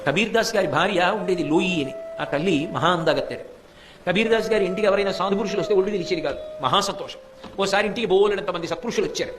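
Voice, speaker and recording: An older man giving a devotional discourse. He speaks straight to his listeners and tells a story, acting out its dialogue in changing voices. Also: fast. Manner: addresses listeners directly, acts out quoted dialogue with shifts in pitch. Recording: clear music bed under the voice.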